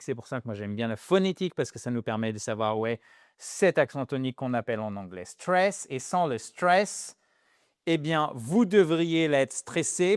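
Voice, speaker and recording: A man teaching English grammar in French, lively and self-deprecating, drilling pronunciation by repeating words. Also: mid-range voice, no room sound, studio quality. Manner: lively, self-deprecating, jokes about being a pain.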